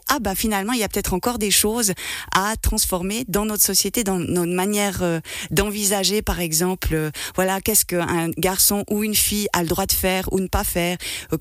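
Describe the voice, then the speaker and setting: A woman answers radio interview questions as a filmmaker guest, often pausing on fillers and restarting her phrases. Her voice sits at a middle pitch and comes through a close, dry studio microphone. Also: dry recording. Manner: hesitant, many fillers and restarts.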